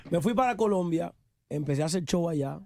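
A man's voice: on the high side, gravelly, very noisy. Puerto Rican man telling stories animatedly. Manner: animated storyteller, quick asides. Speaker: guest musician. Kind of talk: casual interview chat.

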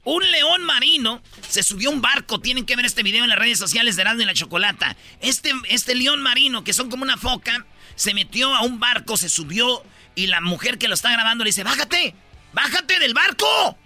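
A man's voice: very high voice, expressive, a little fast, pushed and bright, faint music behind. A man with a Mexican accent hosting a comedy radio show. He tells the news stories as rambling jokes, stumbling and repeating words as he goes. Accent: Mexican Spanish. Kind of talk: joking radio banter.

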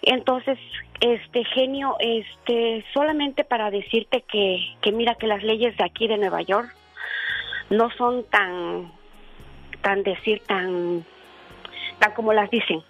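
A woman in her forties calling in to a radio show, telling a painful personal story in an earnest, halting way with many fillers and restarts. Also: medium pitch, steady tone, soft background music. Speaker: radio caller. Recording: dull lo-fi radio line.

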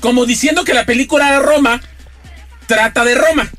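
A man's voice: extremely high pitch, brisk, sharp tone, soft background music. A man co-hosting a comedy radio show, explaining stories with sing-song emphasis.

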